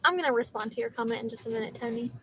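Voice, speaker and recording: A woman's voice: fairly high pitch, rapid-fire, sharp tone, a little hiss or hum. A young woman with a Southern accent, chatting casually to her livestream from a car and reading viewer comments aloud. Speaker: livestreaming gig driver.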